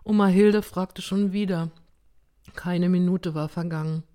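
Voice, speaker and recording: A woman reads a first-person story aloud with a slow, unhurried pace and a rather low voice. Her delivery is measured and steady, in the manner of an audiobook narration. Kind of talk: audiobook reading.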